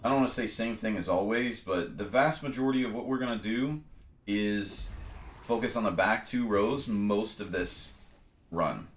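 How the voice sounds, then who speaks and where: A let's play host with a very low, congested voice gives casual gameplay commentary and tutorial, methodically explaining each step and pausing on frequent ums as he weighs his choices. The room around him is noticeably echoey.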